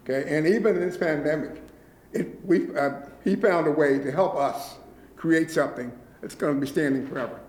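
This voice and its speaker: A man's voice: fairly high pitch, moderate pace, a little mellow. A man leading a nonprofit, speaking earnestly and gratefully at a public meeting, often checking in with his listeners. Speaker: nonprofit leader addressing county officials. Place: meeting room. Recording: echoey meeting room.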